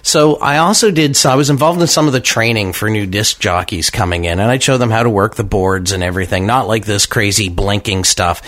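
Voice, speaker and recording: A man telling stories as a guest on a campus radio show, animated and quick to laugh. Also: lowish voice, no room sound, studio quality. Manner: animated storyteller, laughs often. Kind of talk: casual radio chat, storytelling.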